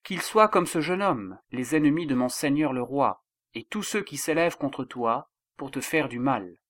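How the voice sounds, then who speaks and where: A man's voice: mid-range voice, animated, normal speed, a bit bright, close to an everyday voice. A man voicing a deferential male servant bringing news to a king. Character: respectful foreign male servant messenger.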